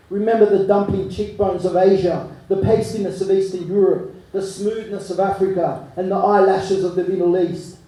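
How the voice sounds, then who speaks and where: A man, performing spoken word poetry live with a rhythmic, rhyming delivery that swings between hushed and forceful. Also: high voice. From Chile. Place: live arts venue. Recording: echoey room, mic from far off.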